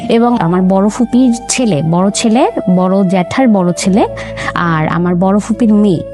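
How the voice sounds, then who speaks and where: Over background music, a young woman interview guest speaks in a mid-range voice at a slightly slow pace. She earnestly relates her family's history and repeats what her parents said.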